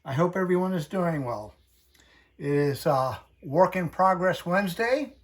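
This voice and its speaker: A man hosting a hobby channel, talking through a casual tutorial in a chatty, folksy, unhurried way. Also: high-pitched, expressive.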